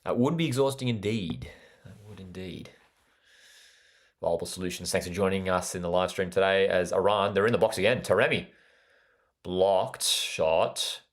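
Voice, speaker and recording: Low-pitched and moderately paced, an Australian man runs a live football watchalong with chat interaction. He's enthusiastic, commenting on play, talking with viewers, and repeating phrases for emphasis.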